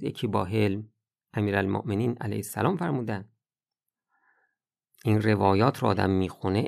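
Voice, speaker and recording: A man giving an earnest religious talk, urging listeners and reciting scripture passages. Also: medium pitch. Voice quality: gravelly creaky voice. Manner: earnest preaching, rising to urge listeners. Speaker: religious speaker. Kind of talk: spiritual talk podcast.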